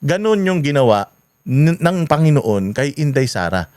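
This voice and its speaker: Animated man telling a story, laughing. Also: a little high, normal speed, dry recording, clean studio sound. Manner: animated, laughing, full of fillers. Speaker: host. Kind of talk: casual storytelling commentary.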